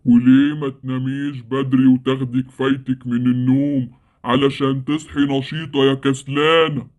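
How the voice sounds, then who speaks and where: A man voices a gloating monster of sleep for an animated game series, speaking with an Egyptian accent. His voice sits in a middle range. He scolds lazy children. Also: mid-range voice, normal speed, lightly acted. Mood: menacing. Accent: Egyptian Arabic. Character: menacing male sleep monster who kidnaps lazy kids. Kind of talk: Roblox story series acting.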